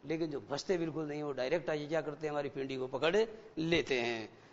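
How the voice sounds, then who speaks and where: A man with a high voice gives a classroom lecture to schoolchildren. He explains slowly and keeps asking them rhetorical questions. His voice rings with a long, hall-like reverb, and the broadcast sound is dull and lo-fi. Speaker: English teacher.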